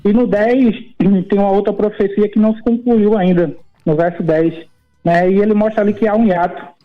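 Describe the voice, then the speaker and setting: High-voiced man calling in over a tinny phone line. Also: fairly even intonation, moderate pace, faint music behind. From Recife, Pernambuco, Brazil. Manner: earnest, methodical questioning. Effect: heard over the phone line. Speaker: caller. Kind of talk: call-in question to a pastor.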